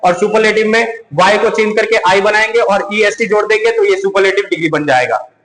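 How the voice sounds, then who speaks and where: A male teacher giving a grammar lesson, asking questions and answering them himself, and repeating key words slowly. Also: sits high, fairly bright tone. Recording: echoey room with long reverb.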